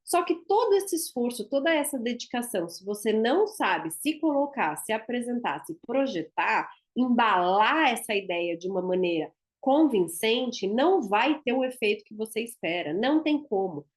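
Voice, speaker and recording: A woman's voice: on the high side, lively intonation, normal speed, hardly any pauses. A woman with a Brazilian Portuguese accent, a dentist teaching a class in a chatty, emphatic way and often tagging her sentences with "né?". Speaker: instructor and dentist.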